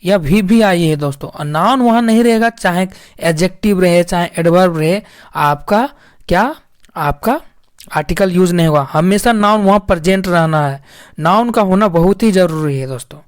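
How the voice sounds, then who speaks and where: A woman's voice: fairly low pitch, moderate pace, no echo. Woman teaching grammar, dry close sound. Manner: repetitive, addresses viewers as friends. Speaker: English teacher. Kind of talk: explaining grammar lesson.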